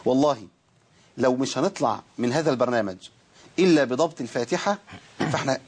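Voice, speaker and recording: A man with an Egyptian Arabic accent teaching Quran recitation in a TV studio, explaining eagerly and stretching sounds out slowly to demonstrate them. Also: mid-range voice, animated, noisy background. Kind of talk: televised teaching lesson. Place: television studio.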